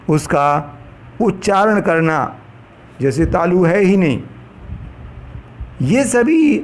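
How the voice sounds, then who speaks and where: A man teaching a lesson in a slow, deliberate way, laying out each point one by one. His voice sits high for a man, and he recites verses in a chanting cadence. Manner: slow, measured explanation, recites Sanskrit verses. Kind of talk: lecture on pronunciation for trainee teachers.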